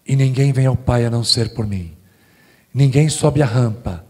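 A pastor speaking as Jesus, deep and unhurried, every phrase solemn and weighty. His husky voice hangs in a long church-hall echo. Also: darkish tone.

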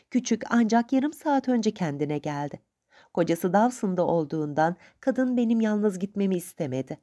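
A woman reading the lines of a spirited, proud young woman, speaking quickly and emphatically in a raised voice. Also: mid-range voice, mellow, voice pushed up.

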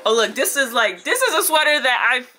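A woman giving a casual, excitable room tour for her vlog at home. She is congested and talks in a chatty way, full of fillers. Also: high voice, brisk, a little hiss or hum. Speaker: vlogger.

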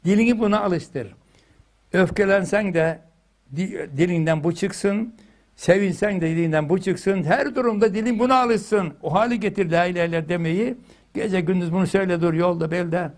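Older male religious teacher, higher-pitched voice, storytelling lesson with loud chanted emphasis. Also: moderate pace. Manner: lively storytelling, chanting phrases loudly for emphasis.

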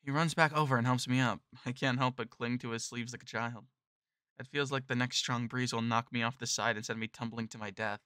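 A man narrating a visual novel in the first person, in a bright, forceful voice at a middle pitch. He reads in a nervous, self-deprecating tone. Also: fairly even intonation, fairly quick, smooth, dry recording, studio quality.

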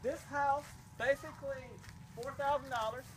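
A middle-aged man gives a cheerful walking tour outdoors, thanking donors and explaining what he shows. His voice sits high and sounds bright and forward. A faint hiss of outdoor noise runs under it. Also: fairly even intonation, moderate pace. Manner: enthusiastic, grateful, explaining as he walks. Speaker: charity representative. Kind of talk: casual vlog tour. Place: outdoors at a village well and a small new house.

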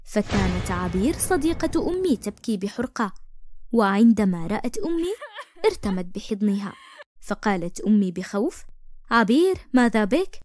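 A woman narrating a first-person story for an animated cartoon in an expressive, emotive way. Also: mid-range voice, moderate pace, no room sound, studio quality.

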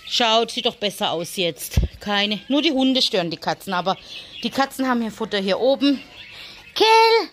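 A woman's voice: mid-range voice, animated, normal speed, background noise. A woman filming a casual vlog in a stable, chatting to the viewer and coaxing her animals in a sing-song voice. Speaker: vlogger.

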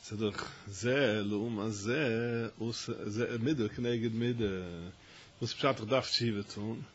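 A man giving a Torah lesson as a rabbi, telling stories with halting restarts and rising to loud, emphatic stretches. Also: fairly low pitch, steady tone. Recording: dull lo-fi recording with faint noise.

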